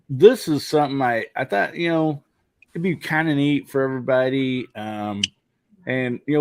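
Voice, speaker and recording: A man's voice: mid-range voice, no room sound. A man hosting a casual live podcast, rambling with lots of fillers. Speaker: podcast host.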